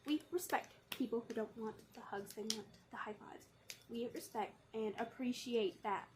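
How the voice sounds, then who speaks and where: High-pitched girl vlogging, chatty and jokey, lots of little asides, voice going up and down. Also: slight background noise. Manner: chatty and playful, with quick asides and jokes; expressive, shifting between lively and low, mumbled tones. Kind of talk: casual chat to camera.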